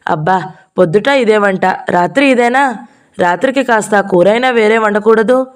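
A woman's voice: medium pitch, moderate pace, lightly acted. Female narrator doing a middle-aged cheating husband, resentful and sulky, lightly characterised. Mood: grumbling. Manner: bitter, sulking complaints. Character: remorseful middle-aged married man who strayed. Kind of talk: audiobook character reading.

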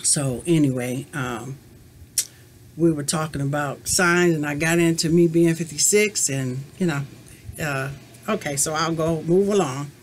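This crochet vlogger, a woman in her fifties, chats casually to camera while answering a tag, rambling and reflecting with plenty of "you know" fillers. She speaks low and a little slowly. A webcam at desk distance records her in a small room at home.

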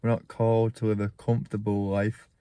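A church vlogger talks briskly and earnestly to a phone camera at arm's length while sitting in a parked car, peppering his reflective vlog with ums. His low-leaning voice is warm and clean with a flat delivery, and there's no room sound.

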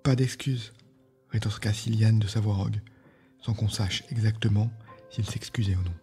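A male podcast host reading a fantasy novel aloud in a calm, measured narration. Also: lowish voice, soft background music.

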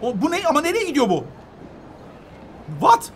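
A man hosting a children's gaming video, giving excited let's-play commentary with his son, shouting reactions and throwing in English exclamations. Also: high-pitched, fast talker, heavy background noise. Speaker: gaming channel host playing with his son.

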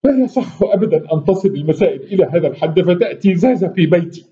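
A woman's voice: fairly low pitch, expressive, racing, mellow, voice pushed up, lightly acted. A man voicing a tearful, jealous wife whose voice is choked with tears, in a dull lo-fi recording. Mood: upset.

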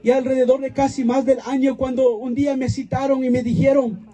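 A man's voice: very high-pitched, level tone, brisk, dark tone. A man giving an impassioned church testimony at an outdoor prayer vigil, calling out to the congregation like a preacher.

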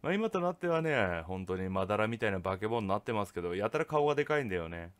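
A man telling a ghost story from his own life in a rough, casual way of talking. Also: lowish voice, fast talker. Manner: rough, casual speech with lively swings. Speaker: ghost story teller, channel host.

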